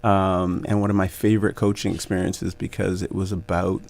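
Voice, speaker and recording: A man in his forties, a basketball coach, speaking as a guest in a radio interview, thoughtful and grateful, laughing easily and pausing with many fillers. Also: deep voice, little pitch movement, vocal fry, a little mellow. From Canada.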